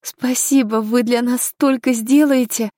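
A woman's voice: fairly high pitch, lively intonation, normal speed, dark tone, no echo, clean studio sound, pitched above the performer's own voice. A woman voicing a determined young noblewoman. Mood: earnest. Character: young noblewoman heroine, twenty, determined and polite.

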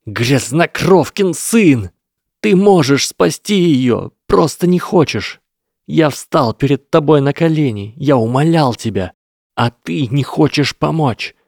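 A man's voice: medium pitch, steady tone, normal speed, vocal fry, darkish tone, slightly rough, no room sound, studio quality, pitched above the performer's own voice. A man voicing a desperate, weeping young boy wizard who trembles, pleads and then screams, in an audiobook reading. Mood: screaming. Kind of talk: audiobook character voice.

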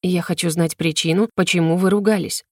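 A woman's voice: fairly low pitch, fairly even intonation, brisk, a little mellow, no room sound, close to an everyday voice. Cold stern demon lord husband, read by a woman, clipped and distant, dry close sound. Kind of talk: audiobook character voice.

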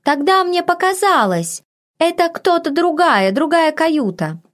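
A woman's voice: very high voice, sing-song, pitched above the performer's own voice, exaggerated voice. A woman voicing a flustered middle-aged maid who chatters in broken, garbled speech. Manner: fast, garbled, ungrammatical chatter.

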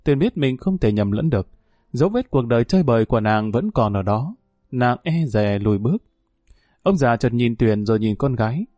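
A man reading a story aloud in steady, scripted narration. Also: medium pitch, moderate pace, no room sound, studio quality. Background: faint music.

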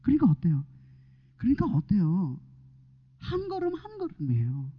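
Male pastor, lively preaching sermon, whisper-to-shout swings, dull lo-fi recording. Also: sits high, normal speed, husky. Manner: swinging from hushed whispers to loud exclamations, asking the congregation questions.

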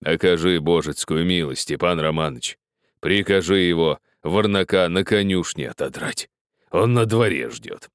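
A man voicing a pious old peasant miner who speaks slowly and gravely, preaching and pleading in an older man's voice. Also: low voice, dry recording, studio quality, close to an everyday voice. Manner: slow, grave, moralizing.

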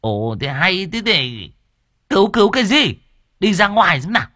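A man voicing an irritable, sharp-tongued woman spirit medium who scolds in an exasperated way. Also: sits low, sing-song, measured pace, no room sound, clean studio sound, exaggerated voice. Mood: scolding.

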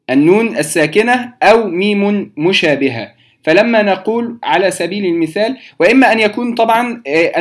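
A man explaining recitation rules to beginners, patient and direct with his listeners, repeating key terms slowly. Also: sits high. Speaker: Quran recitation teacher.

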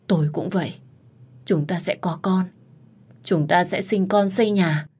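A devoted young husband speaks in a low voice, earnest and openly possessive of his wife, as a woman narrator puts him on. This is a storybook reading, with the husband's lines coming from the same reader. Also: a little slow, a little mellow, breathy edge. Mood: tender.

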